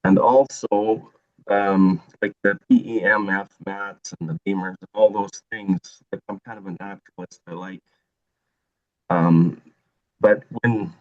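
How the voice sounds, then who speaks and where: A man's voice: fairly low pitch, steady tone, a little slow. A man calling in with a hesitant question, full of ums and likes, his voice coming through a call signal that keeps breaking up. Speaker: caller. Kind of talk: casual question to a guest. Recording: muffled lo-fi call line.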